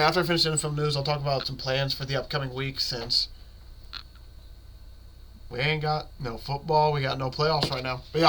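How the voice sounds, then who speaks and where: Congested man with a bright, forceful voice. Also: mid-range voice. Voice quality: congested, blocked-nose sound. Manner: rambling, slangy, swears casually. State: sick with stuffy nose and mucus in throat. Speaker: sports podcast host. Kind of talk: casual solo sports commentary.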